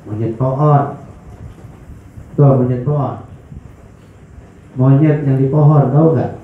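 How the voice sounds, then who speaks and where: Animated preacher in an echoey hall. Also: male voice, takes it slowly. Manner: animated, swings between loud cries and low mutters. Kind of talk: religious study sermon. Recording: echoey hall, dull lo-fi sound, faint hiss.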